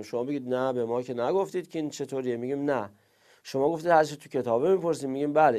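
Gravelly-voiced man reciting verb conjugations. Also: mid-range voice, mellow. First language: Persian. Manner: rattles off conjugation lists in a falling sing-song, pausing to explain. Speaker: Arabic grammar teacher. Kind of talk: recorded class lesson, rapid verb conjugation drills.

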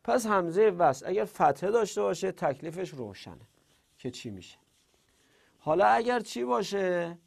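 A middle-aged man with a gravelly, slightly high voice teaches a grammar lesson. He talks in an animated, emphatic way and runs through word forms one after another, like he is drilling a class.

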